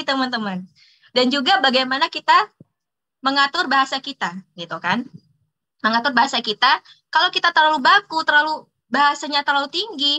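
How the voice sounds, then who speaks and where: A woman with a high voice teaches public speaking in a relaxed online class. Her voice is very bright and forceful, and her talk is chatty, with frequent laughs and tag words. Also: rough recording.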